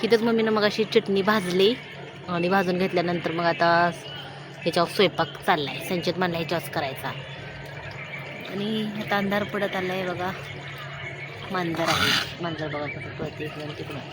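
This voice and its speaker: A woman's voice: fairly low pitch, moderate pace, background noise. A woman in her thirties from Maharashtra, chatting casually to the camera as a vlogger at a village home in the evening, talking to her viewers and family as she goes. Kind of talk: casual vlog chat. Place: outdoors at a village home by a wood stove, evening.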